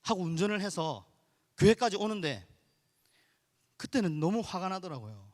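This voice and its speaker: A man's voice: sits high, moderate pace. A male pastor, telling a personal story in an earnest sermon to his congregation in a church sanctuary. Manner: earnest, animated storytelling, addresses the congregation directly. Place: church sanctuary during a midweek service. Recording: reverberant church hall.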